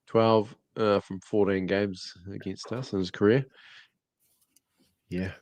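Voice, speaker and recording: A man co-hosting a podcast in casual chat, nasal from a cold, measured and focused on stats. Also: fairly low pitch, flat delivery, darkish tone, no room sound. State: has a cold. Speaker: podcast co-host.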